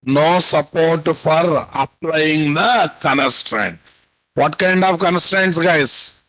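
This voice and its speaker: Slow-paced Telugu-accented Indian man teaching. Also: a little high, fairly bright tone. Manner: repeats phrases, prompts students with questions. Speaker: programming instructor. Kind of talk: live online lesson, dictating notes. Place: indoor room at a computer, video call.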